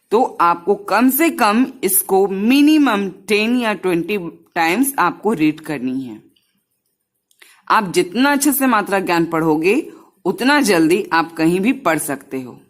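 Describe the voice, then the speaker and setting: A teacher with a fairly low voice patiently and slowly teaches small children, breaking words into syllables one by one. Her Hindi is sprinkled with English words.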